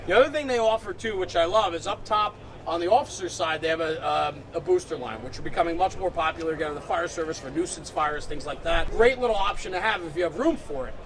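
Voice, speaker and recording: Outdoors at a busy convention, a man hosts an unscripted walkaround of fire apparatus, speaking quickly in a fairly high voice with lively intonation. He is enthusiastic, emphatic, and engaged, peppering his talk with "right?". Crowd and vehicle noise surround him.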